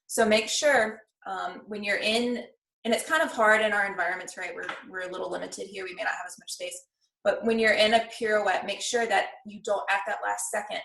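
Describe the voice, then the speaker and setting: A woman's voice: medium pitch, vocal fry, a bit bright. A woman speaking as a ballet master, teaching a class with encouraging corrections and counted-out steps. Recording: echoey room, distant from the mic.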